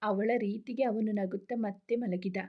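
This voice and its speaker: A woman narrating a romantic story in a steady, gentle reading voice. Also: medium pitch, normal speed, muffled recording.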